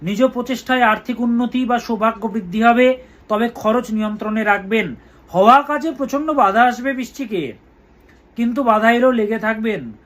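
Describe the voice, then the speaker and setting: Man astrologer with a high voice, slow emphatic delivery with chanted mantras. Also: a bit bright. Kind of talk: weekly horoscope talk.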